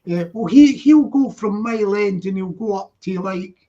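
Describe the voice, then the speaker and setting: A man's voice: sits high, normal speed, dark tone. A man in casual, chatty conversation, repeating himself and often chiming in with agreement. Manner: chatty, repetitive, full of agreeing interjections. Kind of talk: casual chat. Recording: dull lo-fi live-stream audio.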